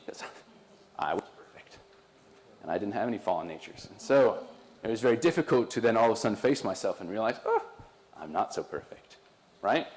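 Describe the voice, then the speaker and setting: Guy preaching casual style, jokey with the crowd, middle pitch. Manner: conversational, joking with the congregation. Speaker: pastor. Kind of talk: sermon and introductions.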